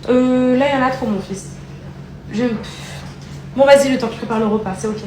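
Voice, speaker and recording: A young woman vlogging casually at home. She talks in a chatty, rambling way and gently coaxes her child. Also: a little high, fairly quick. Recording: echoey room, distant mic, noisy.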